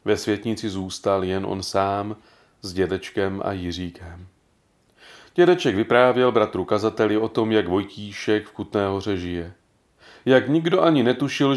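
Calm low-voiced male storyteller. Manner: calm, measured reading. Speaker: narrator. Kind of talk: audiobook narration.

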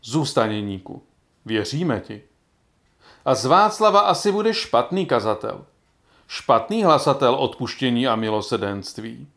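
A man playing a stern farmer father in a storybook reading, speaking quietly and solemnly. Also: mid-range voice, sing-song. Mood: grave.

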